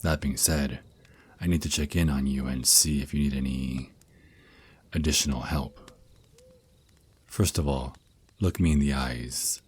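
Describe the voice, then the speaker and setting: In an intimate ASMR roleplay, a man uses a rumbling low, steady, slightly rough and exaggerated voice to play a teasing, protective vampire naga boyfriend mentoring his lover. It is a one-sided dialogue, caring and instructive, full of soft teasing endearments and unhurried reassurance.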